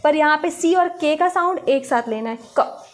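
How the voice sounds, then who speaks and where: A woman's voice: high voice, normal speed. A woman with an Indian accent teaching phonics to young children in Hindi-mixed English, sounding out letters one at a time.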